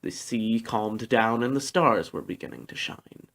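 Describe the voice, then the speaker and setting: A man narrates a scripted storybook like an amateur audiobook reader, his voice at an ordinary middle pitch. He reads a little slowly, with vocal fry and a slightly bright tone.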